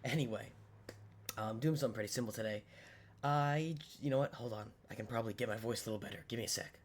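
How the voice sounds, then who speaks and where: A man whose voice is hoarse from a cold, rambling in a casual, self-deprecating way while commenting on a word game. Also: medium pitch, fast talker. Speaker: gaming channel host.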